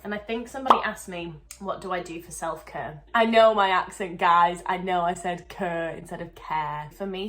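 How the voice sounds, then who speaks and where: Young woman, casual Q&A vlog, low-ish pitch, cheerful, laughs easily. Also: fairly bright tone, rough recording. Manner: chatty, upbeat, laughs often. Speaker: dancer and choreographer.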